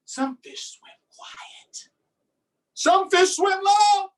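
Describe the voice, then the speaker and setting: Hosting a storytime for young children, a man reads aloud and chats with them in a simple, encouraging way. His voice is extremely high-pitched, very slow, and a bit bright, picked up far from the mic.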